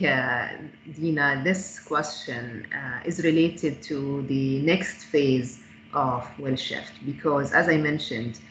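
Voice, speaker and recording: A woman's voice: sits low, a bit bright. A woman founder answering audience questions on an online panel, hesitant and full of fillers and restarts. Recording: echoey, dull call audio with faint noise.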